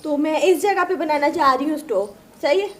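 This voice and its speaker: एक औरत, पाकिस्तानी उर्दू लहजे में, गाँव के घर के आँगन में बाहर खड़ी होकर दर्शकों से अनौपचारिक व्लॉग अंदाज़ में बातें करती है, बार-बार "सही है?" पूछती है और बहसों की नकल बड़े जोश से करती है।. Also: female voice, high voice, fairly quick. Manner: chatty, keeps asking "right?"; animated, re-enacts arguments. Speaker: village vlogger. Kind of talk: casual vlog chat to viewers. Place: outdoors at a village house courtyard.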